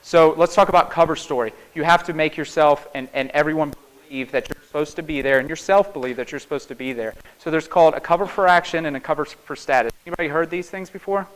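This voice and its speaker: Southern appalachian guy doing a casual conference talk, kinda high voice, folksy, keeps saying right? and okay?. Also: fast, fairly bright tone, low-quality recording. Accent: Southern Appalachian American. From small town in North Carolina, United States. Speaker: conference speaker, security penetration tester. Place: live talk before an audience.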